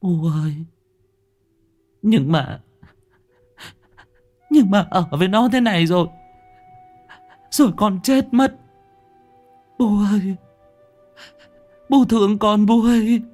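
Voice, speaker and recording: A man voicing a young wife in a ghost story, crying and pleading in a high, breaking voice. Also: slow pace, pauses often, darkish tone, soft background music. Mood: sobbing. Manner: high, tearful, breaking pleas.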